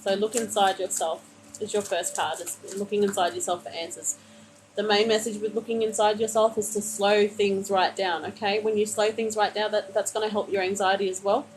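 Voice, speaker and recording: A gentle woman gives a tarot reading to a viewer on a live stream, calling the listener honey. Her medium-pitched voice is soothing, level and brisk, and she meanders with many fillers and restarts. The poor audio carries a little hiss or hum.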